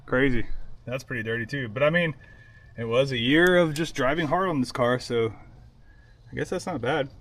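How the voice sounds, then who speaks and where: A young man chatting casually while working on a car in his garage, excited and swearing often. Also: medium pitch, moderate pace. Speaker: car builder vlogger.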